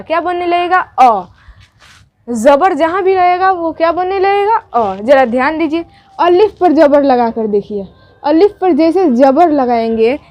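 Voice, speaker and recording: Woman teacher, high voice, patient call-and-response letter drills with English words mixed in. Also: darkish tone. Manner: drills sounds, asks questions and answers them herself; mixes English words into Hindi speech. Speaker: Urdu teacher.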